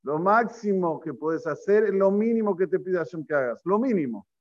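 A man giving a Torah class as a rabbi, animated, firing rhetorical questions and repeating phrases for emphasis. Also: high voice, normal speed. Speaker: rabbi teaching. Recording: slightly dull lo-fi recording.

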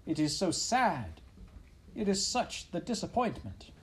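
A theatrical French mother mouse, voiced by a man reading aloud, with a put-on French accent. She sighs and laments, pitched high above the reader's own voice and a little louder. Faint noise sits under the storybook reading. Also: huge pitch swings, unhurried, full character voice. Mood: lamenting. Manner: theatrical, sighing, self-pitying. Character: vain dramatic French mother mouse, female.

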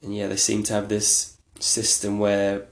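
A man's voice: on the low side, monotone, measured pace. A man hosting a solo podcast, talking in a rambling, chatty, self-deprecating way. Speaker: podcast host. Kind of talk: casual solo podcast talk. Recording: echoey room.

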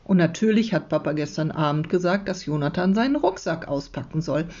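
A woman teacher reads a children's book aloud to her class, calm and measured. Her voice sits a little low with a breathy, husky grain. The recording sounds dull and muffled.

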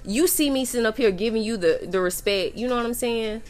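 A young woman with a Southern US accent hosting a casual podcast chat, animated and swearing freely. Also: a little high, a little fast, soft background music. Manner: animated, cussing, fillers like "you know what I'm saying". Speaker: podcast host.

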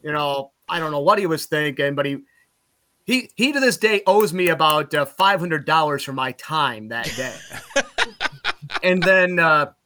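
A man from Utica, New York, a sports broadcaster guest, telling lively anecdotes casually and laughing at his own stories. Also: a little high. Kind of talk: casual podcast storytelling.

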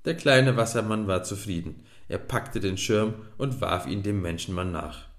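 A man narrating a children's storybook in a lively, expressive way, in an echoey room. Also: lowish voice, normal speed. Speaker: audiobook narrator.

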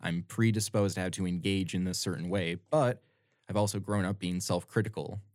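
A young American man co-hosts a podcast, discussing politics casually but earnestly and often repeating words as he starts a thought. His voice is low-pitched and darkish, fairly quick, with fairly even intonation. The studio sound is clean, with no echo.

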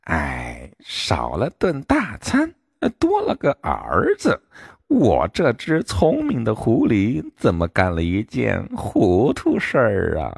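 A man's voice: lowish voice, wildly swooping pitch, slow pace, vocal fry, a little mellow, breathy edge, no room sound, voice pushed up, full character voice. A man playing a stammering sly fox, flustered and hungry, storybook, dry close voice. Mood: rueful. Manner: stammering, sighing.

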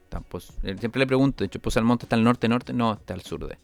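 Energetic Chilean man telling comic stories. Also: mid-range voice, racing, gravelly, smooth, soft background music. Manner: rambling, energetic, with sound effects and stammered restarts. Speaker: comedian host. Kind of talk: comic storytelling.

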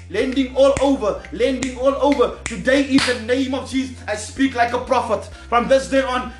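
A preacher delivering charismatic prophecy and prayer in a fervent, commanding way, repeating phrases insistently. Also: mid-range voice. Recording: echoey sound with music behind. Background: music.

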